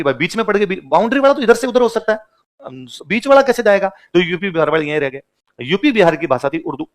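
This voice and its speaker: A male history teacher giving a classroom lecture who keeps quizzing his class with repeated questions and acts out quoted speech. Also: high voice. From Rajasthan, India.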